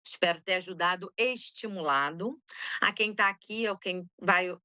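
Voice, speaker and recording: A woman lecturer giving an informal online academic talk on interview research, talking quickly with many fillers. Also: on the low side, bright, forceful tone, no room sound, muffled recording. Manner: fast, informal, full of fillers.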